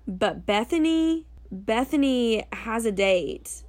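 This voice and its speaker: A woman co-hosting a podcast, laying out story choices in a laid-back, drawn-out way. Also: a little high, lively intonation. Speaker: podcast co-host. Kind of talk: casual improvised storytelling chat.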